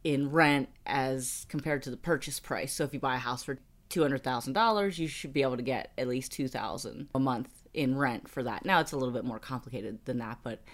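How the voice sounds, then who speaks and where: Speaking a little fast with few pauses, this American woman in her thirties has an extremely low-pitched voice. She's a podcast co-host chatting casually about personal finance in a storytelling style.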